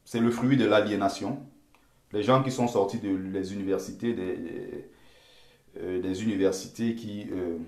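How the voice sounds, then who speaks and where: A man's voice: lowish voice, a little mellow, reverberant. A man from Cameroon with a Bamileke accent, giving impassioned live-stream commentary. He talks emphatically, repeats himself and pleads with his viewers.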